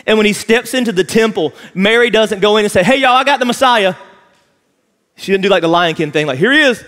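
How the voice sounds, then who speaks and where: A man's voice: high voice, fairly quick, fairly bright tone. A man, preaching an emphatic sermon as pastor in a large church auditorium. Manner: impassioned, emphatic preaching, walking the stage.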